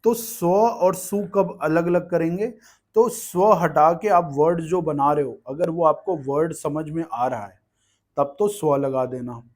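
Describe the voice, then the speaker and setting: A man's voice: fairly high pitch, unhurried, a little mellow. A man teaching an exam-prep grammar lesson, explaining patiently and checking in with the class again and again. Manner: explains patiently, asks "ठीक है" often.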